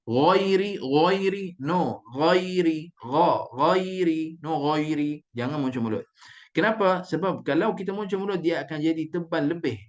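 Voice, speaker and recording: A man teaching Quran recitation in an online class, patiently drilling letters and repeating them slowly. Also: fairly high pitch, muffled recording. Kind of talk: online tajwid lesson.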